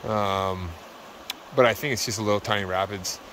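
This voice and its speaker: A man's voice: on the low side, fairly even intonation, moderate pace, pushed and bright, a little hiss or hum. A man vlogging on a canoe trip, talking casually with fillers while tired, recorded outdoors on a handheld camera. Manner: easygoing, rambling, with fillers and laughs. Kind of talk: casual outdoor vlog narration. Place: outdoors on a wilderness lake and river trip.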